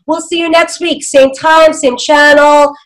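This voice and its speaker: A woman with a New York accent hosting a casual panel chat, loud and brash. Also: high voice, fairly even intonation, unhurried, rough recording. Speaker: talk show host.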